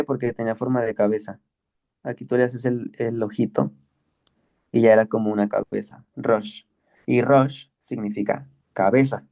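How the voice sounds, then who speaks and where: A man teaching the Greek alphabet in an online class, patient and slow, often checking with "¿ok?". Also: mid-range voice, mellow. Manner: patient, explains slowly with many checks like "¿ok?" and "¿sí?".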